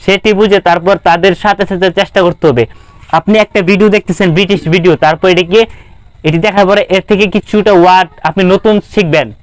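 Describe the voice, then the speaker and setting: A young Bangladeshi man gives an informal language lesson in a high, smooth voice, repeating himself earnestly to encourage his viewers. His Bengali accent is clear throughout. The recording is close and dry. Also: steady tone, a little fast, dry recording. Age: young adult. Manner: repetitive, restarts phrases, earnest and encouraging. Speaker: spoken English teacher. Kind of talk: informal lesson talk to camera.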